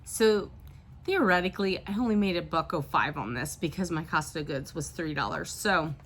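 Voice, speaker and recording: A woman's voice: deep voice, normal speed, a bit bright, a little hiss or hum. A woman from the Midwest, a part-time reseller, chatting casually to camera while sniffly with a tickly throat. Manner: chatty and apologetic, with small laughs.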